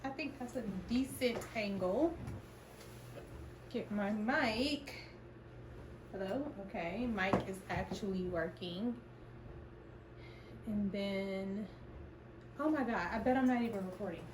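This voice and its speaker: In casual vlog talk to camera at home, a middle-aged content creator runs through her routine, tired and at times out of breath. She rambles and cuts herself off while thinking aloud, her mid-range voice slow with frequent pauses against a noisy background.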